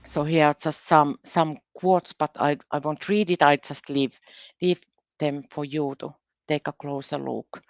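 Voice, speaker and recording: Giving a careful, halting conference presentation, a university research specialist from Finland, whose first language is Finnish, often repeats her words in a Finnish accent. Her low voice stays level, recorded with no room sound and a dull quality.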